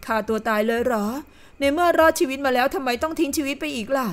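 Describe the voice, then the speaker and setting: A woman's voice: sits high, quick pace, natural voice. A woman doing Gu Yun, a blunt impatient heroine. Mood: dismayed. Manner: blunt and tart. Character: sharp-tongued young heroine, bored, impatient. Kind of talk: audiobook character voice.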